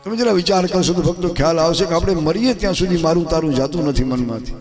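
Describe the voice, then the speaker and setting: Gujarati man, katha preacher, storytelling sermon over steady devotional music. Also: on the high side, quick pace. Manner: storytelling with rhetorical asides to devotees. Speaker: Shiv Puran katha preacher.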